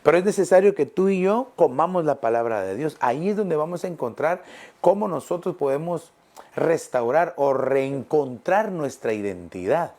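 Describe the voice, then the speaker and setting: A middle-aged male pastor preaching a sermon, emphatic, repeating phrases and slowing down on key words. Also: on the high side, expressive, a little mellow.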